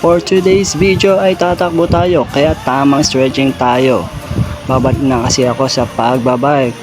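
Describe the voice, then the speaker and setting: A man's voice: medium pitch, fairly even intonation, a little slow. A man with a Filipino accent narrating a casual vlog in a jokey, self-deprecating way, as its host. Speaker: vlogger host. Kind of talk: casual scripted vlog narration with joking asides. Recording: music behind the voice. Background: music.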